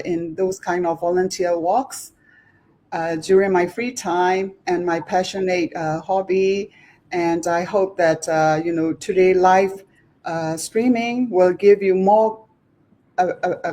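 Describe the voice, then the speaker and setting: A woman from Myanmar with a Burmese accent gives a formal self-introduction as a panel guest on a live stream, in halting English. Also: lowish voice, warm tone. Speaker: guest, club officer.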